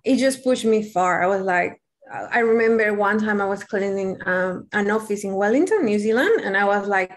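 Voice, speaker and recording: A woman's voice: medium pitch, lively intonation, normal speed. Young peruvian woman, spanish accent, chatty and frank guest, pokes fun at herself. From Peru. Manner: candid, chatty, self-deprecating. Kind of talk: casual interview chat.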